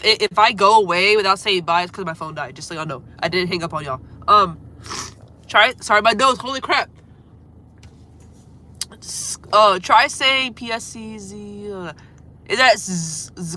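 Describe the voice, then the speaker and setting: A young musician from Florida, USA, with a deep voice is livestreaming from home on a phone held close, chatting casually with viewers. She has a cold, sounding congested and coughing now and then. Her talk rambles, is full of fillers, and tends to trail off quietly.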